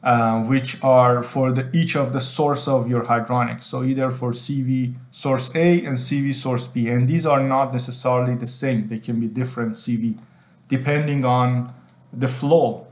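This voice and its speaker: Man explaining HVAC valves, halting delivery. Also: mid-range voice, fairly even intonation. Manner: unscripted explaining with frequent ums and repeated phrases. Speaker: HVAC design instructor. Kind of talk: screen-share technical tutorial. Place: indoor room.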